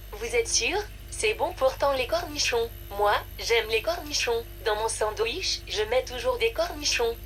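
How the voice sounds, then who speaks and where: A woman's voice: a little high, a little hiss or hum, close to an everyday voice. A woman playing a prim, glitchy menu robot. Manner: prim robotic menu prompts, wanders off script. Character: glitchy female sandwich-ordering voice machine. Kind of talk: comedy sketch parody of a voice menu.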